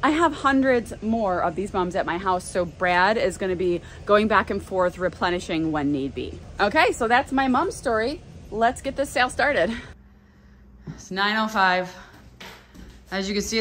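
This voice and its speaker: A woman's voice: medium pitch, normal speed, a bit bright, a little hiss or hum. A woman in her thirties with an American accent, chatting enthusiastically while giving a walkthrough of her greenhouse nursery. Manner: chatty and enthusiastic, many ums and restarts. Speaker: flower farmer and nursery owner. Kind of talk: casual vlog walkthrough. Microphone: handheld phone at arm's length.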